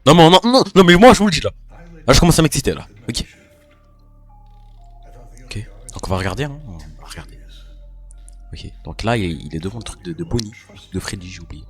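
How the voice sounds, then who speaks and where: Playing a horror game, this gamer narrates with panic and excitement, addressing his viewers directly. He speaks on the low side and briskly, with long pauses and faint music behind him.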